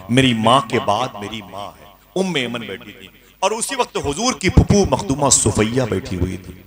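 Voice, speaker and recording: A man preaching a sermon as a story, with a North Indian Hindustani accent, going from soft to loud and calling out to the crowd. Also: mid-range voice. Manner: dramatic, swings from soft to loud, calls out to the crowd. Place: outdoor religious gathering. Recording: crowd noise behind. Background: large crowd.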